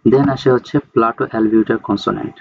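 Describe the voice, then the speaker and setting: A male teacher gives a casual spoken lecture. He keeps checking in with his students and reads terms slowly before explaining them. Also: lowish voice, fairly even intonation, gravelly, lo-fi sound, slight background noise. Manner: explains slowly, often checks in with "ঠিক আছে?".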